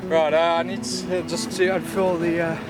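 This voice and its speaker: A man's voice: fairly high pitch, level tone, moderate pace. A man chatting casually outdoors on a boat, speaking in short, informal phrases. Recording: loud music over on-boat audio.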